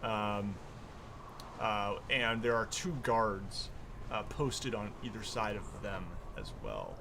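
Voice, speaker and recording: A man improvising narration as game master of a tabletop game, often pausing mid-sentence. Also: on the low side, expressive, gravelly, background noise.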